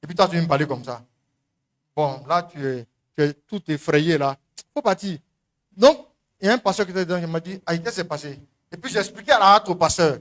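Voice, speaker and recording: A middle-aged Ivorian pastor with a high-pitched voice preaches in French with an Ivorian accent. He tells a testimony, acting out the people in it. His delivery swings from loud calls to near-murmurs. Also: fairly quick. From Côte d'Ivoire. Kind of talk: sermon.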